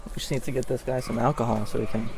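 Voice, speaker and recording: A man's voice: medium pitch, level tone, very fast, darkish tone. A man co-hosting a podcast, chatting easily and laughing often as he walks around a zoo. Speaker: podcast co-host. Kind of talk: casual chat. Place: outdoors at a crowded zoo. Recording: crowd chatter behind.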